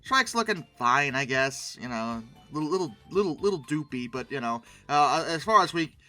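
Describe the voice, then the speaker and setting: This host comments on pictures in a relaxed, funny way, rambling through tangents and bursting into animated fake outrage. The voice is mid-range and the pace moderate, with faint music behind.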